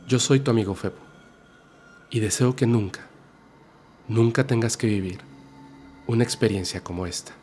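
A man hosting a podcast, narrating a horror story in a slow, dramatic way that drops soft for suspense. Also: medium pitch, heavy background noise. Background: faint music.

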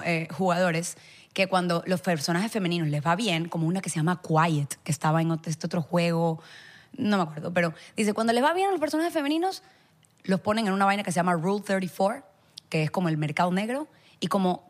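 A woman's voice: on the low side, a little fast. A woman in her thirties from Guayaquil, Ecuador, with a Guayaquil accent, telling stories as a guest on a casual podcast and dropping English words into her Spanish. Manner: animated storytelling, mixes in English words. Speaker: guest actress. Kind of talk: casual chat.

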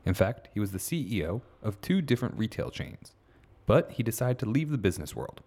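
Man, podcast host, scripted narration, low voice, steady delivery. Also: brisk.

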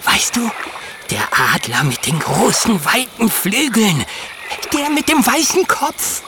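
A man's voice: extremely high pitch, wildly swooping pitch, slow pace, exaggerated voice. An actor playing a friendly, long-winded male beaver in a children's audio drama, rambling on as he tells a story. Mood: gossipy. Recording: audible background noise.

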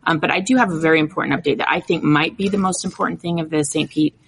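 A woman softball analyst on a sports talk show, chatty and enthusiastic. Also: deep voice, fast talker, gravelly, breathy edge, poor audio.

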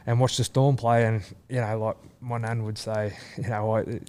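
A former rugby league player from country New South Wales, Australia, guests with casual stories in an Australian accent, rambling with many fillers and restarts. His voice is fairly low and a little mellow, with a clear, resonant, level tone at a moderate pace.

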